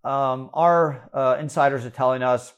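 A man with a Canadian accent explaining retirement contribution limits, brisk and number-heavy, correcting himself as he goes. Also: medium pitch, fairly even intonation, clean tone. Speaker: financial educator. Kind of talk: explanatory talk.

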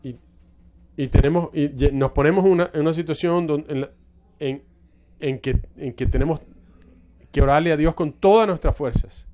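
A man's voice: on the high side, normal speed, pauses often, dark tone. A male pastor preaching a sermon, telling a church story with frequent restarts and repeated words.

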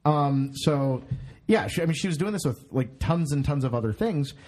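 This podcast host, a man in his thirties, has a fairly high, animated voice with a darkish tone and normal speed. His talk is loose and casual, full of rambling, cursing, and self-directed laughter.

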